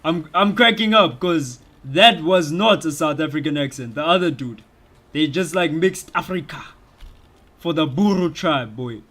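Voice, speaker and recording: A young man talking through a game playthrough in relaxed slang, his voice pitched a little high. He sounds easy-going and quick to laugh between moves. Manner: laid-back slang, laughs easily. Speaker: gaming streamer. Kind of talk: casual let's-play commentary.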